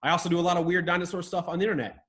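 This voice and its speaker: A man's voice: sits high, steady tone, racing, a bit bright. A man from Ohio hosting a casual livestream dinosaur lesson over a video call, chatty and joking with viewers from a room in a rented home. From Ohio, USA. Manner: enthusiastic, jokey, chatty with viewers. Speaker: host and dinosaur educator. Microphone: video call setup.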